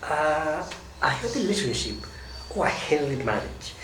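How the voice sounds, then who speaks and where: Giving a talk on marriage, a Kenyan man teaches in a slightly high, very animated voice at normal speed, leaning on key words and drawing them out. He sounds far away in an echoey room, and the audio is noisy.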